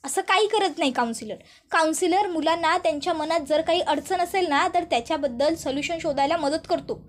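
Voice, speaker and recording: Woman doing a sharp-tongued young woman, blunt, lecturing, very high voice. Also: brisk.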